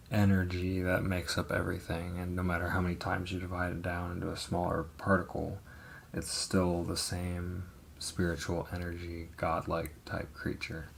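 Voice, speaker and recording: A man with a low, gravelly voice talks slowly through his past on a live stream, trailing off and restarting with plenty of ums. Faint noise hums behind him. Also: a bit bright. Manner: slow, rambling, hesitant with many ums and swearing. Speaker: livestream host telling his life story. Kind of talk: casual live testimony.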